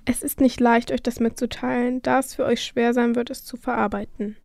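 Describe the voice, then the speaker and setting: Woman as a polite schoolteacher, fairly high voice. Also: flat delivery, a little fast, gravelly, darkish tone, dry recording. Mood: solemn. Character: concerned, hesitant female schoolteacher, dutiful and polite. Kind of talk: amateur scripted audio drama.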